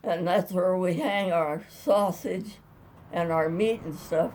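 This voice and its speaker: A woman's voice: lowish voice, slow, darkish tone, rough recording. A woman over a hundred years old telling stories from her past in a casual, rambling, folksy and plain-spoken way. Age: over 100. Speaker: interviewee recalling childhood. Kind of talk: casual oral storytelling.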